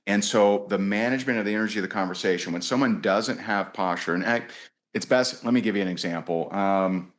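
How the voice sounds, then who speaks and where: A man with a fairly low voice speaks as a podcast guest. He tells a story about a sales call in a loose, lively way, restarting sentences and putting on the voices of the people he quotes. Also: fairly quick. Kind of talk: casual storytelling interview.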